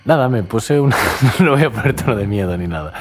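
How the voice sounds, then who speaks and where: A man co-hosting a podcast, chatting casually and telling stories with animated delivery. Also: brisk, a little hiss or hum. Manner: animated storytelling, bursts into high shouted impressions. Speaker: podcast co-host. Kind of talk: casual chat.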